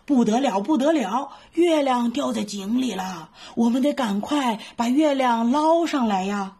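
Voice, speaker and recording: A woman voicing an old elder monkey, fussy yet wise, in a lower, slower tone. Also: lively intonation, warm tone, slightly rough, full character voice. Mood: fretting, scolding.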